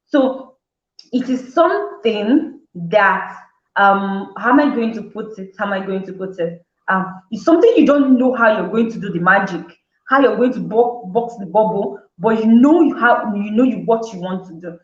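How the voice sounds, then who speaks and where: A woman's voice: medium pitch, animated, normal speed. A woman talk-show host explains her topic in a casual, chatty way, breaking into the amazed reactions of imagined listeners and often restarting words. Her voice sits in a middle range. The recording is roomy and slightly dull, as if made on modest equipment in an echoing space.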